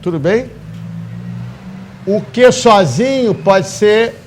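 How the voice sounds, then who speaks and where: A man's voice: sits high, lively intonation, slow pace. A man teaching a live grammar class to a room and an online audience. He is emphatic and works through the rules step by step, often checking that everyone follows. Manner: emphatic, explains step by step with frequent check-in questions. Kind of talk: live exam-prep class lecture. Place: classroom, also streamed online.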